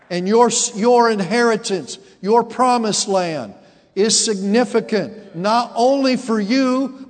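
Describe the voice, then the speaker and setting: A pastor in his forties delivers a sermon in a high voice, calling out to his congregation in call-and-response style and building to emphatic peaks. The recording has a big-room sound.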